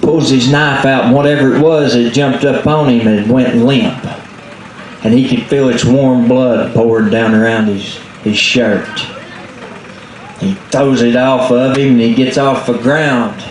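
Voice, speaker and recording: Man, Southern Appalachian accent, folksy storyteller, casual delivery, dramatic pauses, echoey space, some background noise. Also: medium pitch, steady tone. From southern Appalachia, United States. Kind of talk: casual oral folk storytelling.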